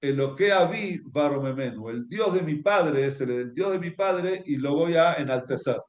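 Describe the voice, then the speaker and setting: A man with an Argentine accent giving a spoken Torah lesson with stories, in a halting way with many restarts, often checking with his listeners. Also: fairly high pitch, animated. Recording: echoey room.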